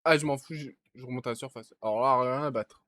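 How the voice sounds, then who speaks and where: A young man streams a game with casual let's-play commentary, talking to himself while he plays and bursting into panicky yelps, shouts, and curses. He's a fast talker with a mid-range voice, and there's no room sound.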